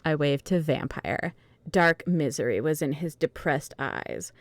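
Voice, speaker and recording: A woman with a very low voice gives an unhurried, dramatic reading of fan fiction. The recording is dry and close, with no echo or room sound.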